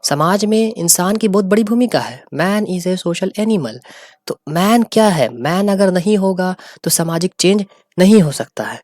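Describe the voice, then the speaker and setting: A man's voice: sits high, lively intonation, normal speed, hardly any pauses, darkish tone, no echo, clean studio sound. Man giving a sociology lesson. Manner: explains and repeats terms, mixing in English words. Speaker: teacher. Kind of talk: sociology lecture.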